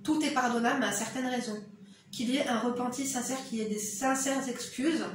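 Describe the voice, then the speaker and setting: Algerian accent woman talking straight to the viewer, blunt motherly advice, voice a bit high, lots of room echo, mic kinda far. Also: brisk, a little hiss or hum. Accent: eastern Algerian. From eastern Algeria. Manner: frank, direct, motherly advice-giving. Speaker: YouTuber. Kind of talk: casual advice commentary to camera. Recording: very echoey room, mic at a distance.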